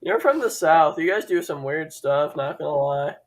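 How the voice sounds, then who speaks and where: On a laid-back sports stream, this Chicago-accented co-host and commentator rattles off fast play-by-play while ribbing his partner. He speaks with a fairly high, expressive voice, captured in a rough recording.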